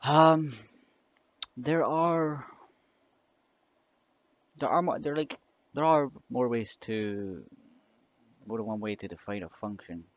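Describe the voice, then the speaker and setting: A young man tutors scripting in a casual coding lesson, his medium-pitched voice slow and full of pauses, with no room sound. He is hesitant and rambling, with lots of fillers and restarts, recorded on a dull lo-fi mic amid typing and mouse clicks.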